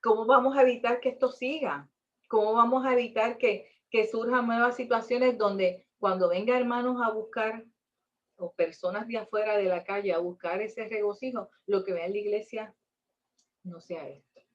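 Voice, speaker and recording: A woman's voice: a little high, fairly even intonation, moderate pace, lo-fi sound. A woman teaching a Bible class in an earnest, emphatic way, asking rhetorical questions.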